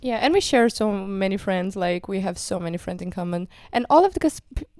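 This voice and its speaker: Young woman with a gravelly sick voice. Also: mid-range voice, expressive, a little fast, a little mellow, no room sound, studio quality. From Romania. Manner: chatty, filler-heavy, laughing often. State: recovering from a cold, sick voice. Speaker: podcast co-host. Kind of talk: casual chat.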